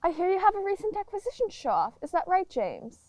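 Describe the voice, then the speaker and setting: Woman acting genteel high-voiced period lady. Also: lively intonation, normal speed, no echo. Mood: placating, flattering. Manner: polite, placating. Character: genteel, soothing Edwardian wife and mother. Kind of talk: amateur period audio drama acting.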